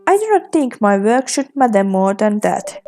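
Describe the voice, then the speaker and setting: A woman voicing a calm, humble male shopkeeper who gives kind advice in a game. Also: mid-range voice, normal speed, faint music behind, natural voice. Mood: gentle. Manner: calm and gentle counsel. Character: humble kind young male color-shop keeper.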